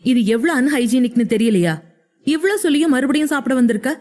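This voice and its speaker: A woman's voice: high-pitched, animated, a little fast, darkish tone. A woman voicing a stern, bossy young man who scolds and gives clipped orders in an audio story. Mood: scolding.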